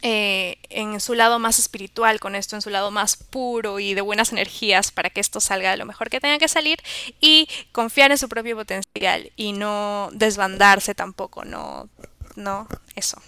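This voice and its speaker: A woman's voice: medium pitch, steady tone, normal speed, sharp tone, clean tone, no room sound. A woman guest reading tarot in a casual chat, now and then slipping English phrases into her Spanish. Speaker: podcast guest tarot reader.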